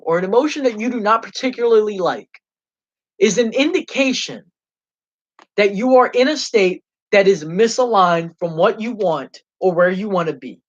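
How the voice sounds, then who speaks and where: Young guy going off on a live stream, fired up and cussing a lot, dull lo-fi sound. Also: high-pitched. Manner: passionate, profane and heated. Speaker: livestream host. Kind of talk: unscripted livestream rant.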